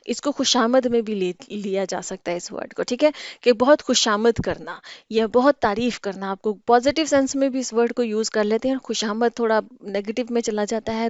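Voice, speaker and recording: A woman's voice: on the high side, no echo, highs cut off. A woman teaching English vocabulary in Hindi, explaining patiently and often checking "ठीक है?".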